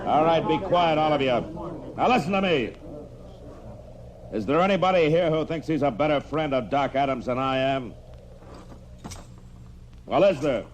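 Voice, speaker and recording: An actor playing a grave, authoritative frontier marshal with an American accent in an old-time radio western. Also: male voice, a little high, unhurried, long pauses, natural voice. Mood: commanding. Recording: noisy old radio drama recording.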